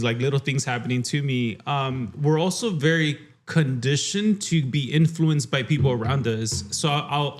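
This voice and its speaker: A young man co-hosting a podcast, recounting his week in relaxed, rambling casual chat. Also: medium pitch. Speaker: podcast co-host.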